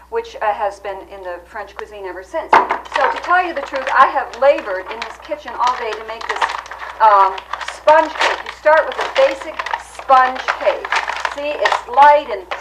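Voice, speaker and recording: A woman hosting a comedy cooking segment, explaining absurd claims in an earnest, deadpan way. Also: on the high side, noisy background. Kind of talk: deadpan mock cooking demonstration.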